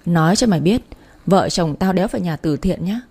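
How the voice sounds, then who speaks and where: Woman doing a contemptuous middle-aged aunt, loud and cursing, storybook reading, low husky voice. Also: expressive, a little fast. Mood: scornful.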